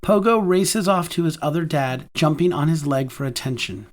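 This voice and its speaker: A man narrating a first-person romance audiobook in a warm, conversational manner. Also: fairly high pitch, normal speed.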